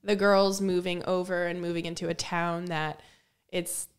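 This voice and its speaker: A woman hosting a podcast in casual back-and-forth chat, friendly and quick to agree. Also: lowish voice, little pitch movement. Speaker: podcast host.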